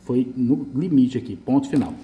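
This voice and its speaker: A man with a Brazilian accent teaching an essay-correction lesson, emphatic and lively, repeating his points as he marks the page. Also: medium pitch, normal speed, slight background noise. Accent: Brazilian Portuguese. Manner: lively, emphatic, repeats phrases while writing. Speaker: writing teacher.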